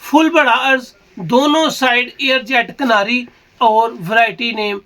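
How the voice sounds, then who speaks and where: Male online seller, Pakistani accent, very high sharp voice, overeager repetitive teleshopping pitch. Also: fairly even intonation, measured pace, poor audio. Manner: overeager, repetitive selling with emphatic lists. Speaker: online fabric seller and video host. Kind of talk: teleshopping-style sales pitch.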